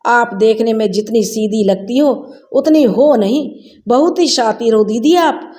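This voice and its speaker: A woman's voice: a little high, a little slow, a little mellow, lightly acted. A woman voicing a bitter young wife who accuses her family through tears, told in a storybook reading. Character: angry young wife leaving her in-laws.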